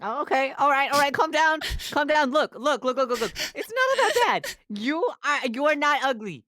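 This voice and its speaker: A woman's voice: high-pitched, very animated, moderate pace, bright, forceful tone, no room sound, studio quality, heavily acted. A woman voicing a jittery, talkative male donkey who stammers and rambles in an amateur fan dub. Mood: fumbling.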